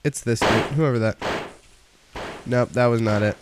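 A young man streaming a video game live, chatting casually, reading chat aloud and breaking into excited outbursts while he plays. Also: mid-range voice, measured pace, very noisy.

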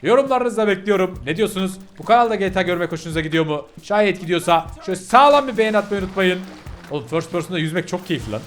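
A young Turkish man hosting a gaming channel, loudly commentating his gameplay and shouting orders at the characters. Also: sits high, lively intonation, racing, soft background music. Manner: loud, shouting and yelling at the game.

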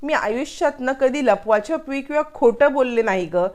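A woman's voice: high voice, expressive, moderate pace, darkish tone. A woman reading the lines of an anxious, honest mother who hates secrets. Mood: worried. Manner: worried, hesitant.

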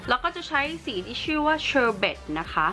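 A woman's voice: fairly high pitch, very animated, normal speed, sharp tone, faint music behind. A woman beauty vlogger giving a chatty, upbeat makeup review and explaining each step as she works. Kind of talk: casual makeup tutorial and product review.

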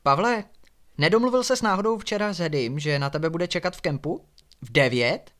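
A man's voice: a little high, lively intonation, a bit bright, voice pushed up. A man voicing a crafty young woman trying to trick someone, in a storybook reading. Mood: sly.

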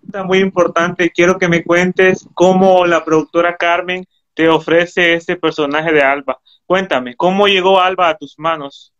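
A man's voice: high voice, flat delivery, unhurried, a bit bright, dull audio. A man interviewing an actress, friendly and complimentary as he asks his questions. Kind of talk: casual interview chat.

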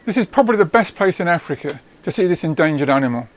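A man giving scripted nature documentary narration in a measured, descriptive storytelling way. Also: fairly high pitch, lively intonation. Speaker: narrator of own wildlife travel film.

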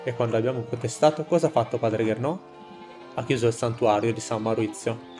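An indignant peasant leader in a story game, read out by a man, addresses villagers in solemn, measured oratory. His pitch is average, and faint music plays behind him. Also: steady tone, darkish tone, close to an everyday voice. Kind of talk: game dialogue read aloud.

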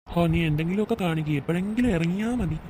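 A woman's voice: on the low side, rapid-fire, background noise, close to an everyday voice. Woman doing a lazy cartoon husband. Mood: dismissive. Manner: dismissive, casual. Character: lazy offhand young husband and father. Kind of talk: cartoon voice acting.

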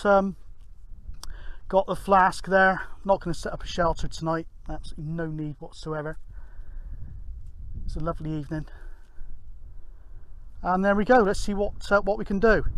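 On a windy moorland hilltop, a middle-aged British CB radio hobbyist gives rambling, matter-of-fact narration for his outdoor vlog in a high, somewhat bright voice. The handheld camera catches wind and the surrounding outdoor ambience.

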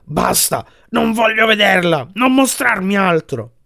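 A man's voice: high-pitched, expressive, measured pace, vocal fry, bright, forceful tone, husky, pitched above the performer's own voice, heavily acted. A man voicing an old miser in an audiobook, pleading in a strained, rising voice. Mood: anguished pleading.

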